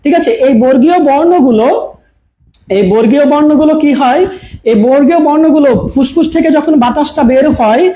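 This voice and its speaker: A man's voice: very high voice, a little fast, dark tone, poor audio. A man teaching an online grammar class in front of a projector. He repeats key points, keeps asking his viewers questions, and mixes English words into his speech. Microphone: camera mic.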